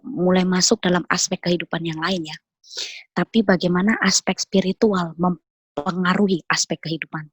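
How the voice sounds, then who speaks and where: An earnest woman tells her personal faith story in relaxed conversation, with a slightly husky voice. She repeats phrases for emphasis and speaks in the middle of the usual pitch range. The recording is dry, with little room sound. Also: no room sound, rough recording. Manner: earnest, animated storytelling with repetitions. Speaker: guest sharing testimony.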